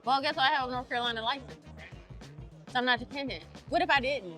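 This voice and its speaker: A woman's voice: high voice, quick pace, sharp tone, soft background music. A woman from Maryland, a podcast guest talking in a casual chat, emphatic and punchy, repeating her points for force. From Maryland, USA. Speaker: podcast guest, insurance agency owner.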